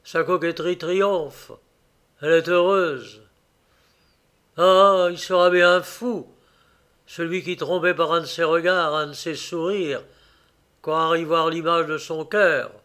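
A heartbroken young village man pours out bitter, plaintive words, as a man reading the story plays him. His voice sits high and drawn out. The anguish stays close to the surface. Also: steady tone, slow pace, long pauses, a bit bright, clear, resonant tone.

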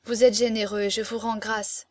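An imploring young woman, tender and close to tears, as a woman reader puts her on, her voice lifting higher as she pleads. The reading is dry and close, with no room around it, in the manner of a storybook told aloud. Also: flat delivery, moderate pace, a little mellow, no echo, close to an everyday voice. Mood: wistful. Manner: emotional, imploring, tearful. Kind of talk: audiobook character reading.

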